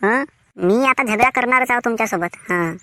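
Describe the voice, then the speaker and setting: A woman's voice: a little high, moderate pace, pushed and bright, dry recording. A woman as a nagging Varhadi village wife. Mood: scolding. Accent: Vidarbha Marathi (Varhadi). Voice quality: scolding, complaining. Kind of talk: cartoon voice acting.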